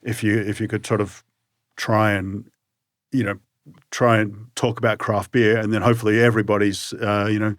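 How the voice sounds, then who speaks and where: A man's voice: on the low side, flat delivery, moderate pace, no echo, clean studio sound. A man with an Australian accent chats casually as an interview guest, circling his point with many loose asides. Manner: hedging and circling, many "you know" and "sort of" asides. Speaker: brewery co-founder, guest.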